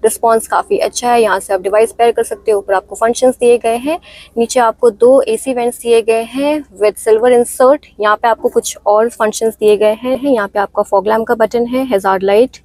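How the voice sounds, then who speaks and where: A woman's voice: fairly high pitch, fairly even intonation, moderate pace, a little mellow, dry recording, low-quality recording. A woman with an Indian accent narrating a walk-around car review, mixing English phrases in and explaining each feature in turn. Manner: mixes Hindi with English phrases.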